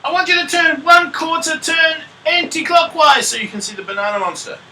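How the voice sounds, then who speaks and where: A man voicing an excited young female pony who shouts warnings in a high, urgent voice. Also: rapid-fire, recorded from a distance, a little hiss or hum, full character voice. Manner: urgent high-pitched calling out.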